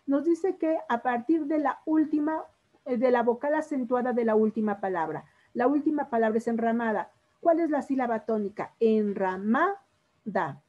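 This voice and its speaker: A woman's voice: on the high side, moderate pace, dark tone. A woman teaching a literature lesson on poetry, patiently quizzing her students and drawing out syllables. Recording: dull lo-fi classroom recording.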